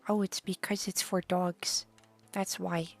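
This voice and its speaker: A woman's voice: lowish voice, little pitch movement, unhurried, vocal fry, faint music behind. A woman streaming a game, chatting casually and rambling in a loose, meandering way with the odd swear. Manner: rambling, chatty, trails off into half-whispered asides. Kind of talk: casual gameplay commentary.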